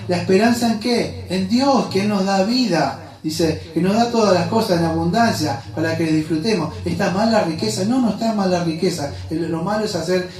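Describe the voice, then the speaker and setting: A man's voice: high voice, a little mellow, distant mic. A male pastor preaching a sermon, emphatic, asking the congregation rhetorical questions. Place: church hall. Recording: echoey church hall, voice from off mic.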